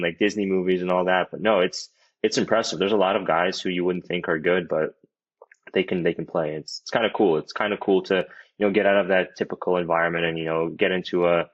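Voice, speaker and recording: A man in his twenties, a hockey player guest, chatting in a laid-back, rambling way full of "like" and "you know". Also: deep voice. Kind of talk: casual interview chat. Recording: dull, lo-fi audio.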